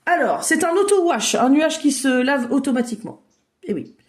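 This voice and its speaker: A woman leading an online drawing workshop for children, guiding them with lively, encouraging make-believe storytelling over a video call. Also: high voice, normal speed. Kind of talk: playful storytelling drawing lesson for kids.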